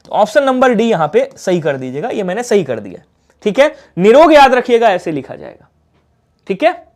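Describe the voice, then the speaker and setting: A man's voice: sits high, very animated, normal speed. A man with a Hindi accent teaching a live online exam-prep class, coaxing the viewers and asking questions that he then answers himself.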